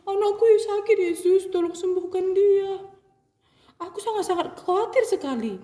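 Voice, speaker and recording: A woman voicing a distressed father who begs for help for his sick daughter, talking urgently in a high, loud voice. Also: normal speed, echoey room, long reverb tail. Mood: pleading. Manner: urgent, pleading.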